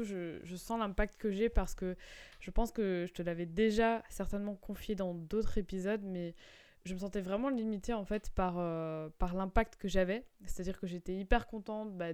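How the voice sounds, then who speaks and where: A woman's voice: mid-range voice, a little mellow, clear, resonant tone. A young woman hosting her own podcast as a business coach, talking casually with many fillers and restarts. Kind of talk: casual solo podcast talk.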